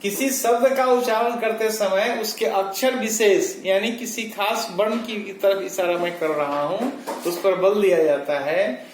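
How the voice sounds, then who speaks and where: A man's voice: sits high, a little slow, few pauses. A man giving a grammar lesson, explaining step by step and repeating key definitions for his students. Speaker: Hindi grammar teacher. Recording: echoey room with faint noise.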